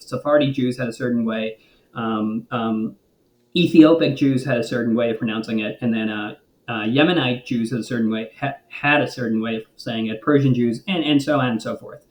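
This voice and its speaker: Man explaining with many ums. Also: mid-range voice. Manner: thoughtful, many ums and restarts. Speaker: guest linguist. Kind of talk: explanatory conversation. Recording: roomy echo.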